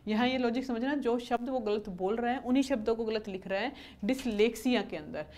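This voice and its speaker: A woman's voice: fairly high pitch, normal speed, a little mellow. A woman teaching an exam-prep lesson, repeating questions and answers to drill terms and mixing in English words. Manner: mixes English terms into Hindi explanations.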